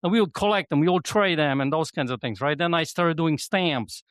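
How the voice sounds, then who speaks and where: A man's voice: fairly high pitch, brisk, a bit bright, no echo. A middle-aged man from Poland, a podcast guest and business coach, talking casually and rambling with lots of "you know what I mean". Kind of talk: casual conversation.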